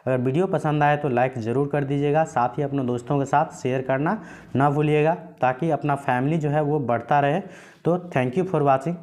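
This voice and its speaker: A man with a slightly high voice teaches a grammar lesson. He talks patiently, repeats his points and asks questions that he answers himself. He draws out single sounds slowly as he names them. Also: steady tone, a little mellow.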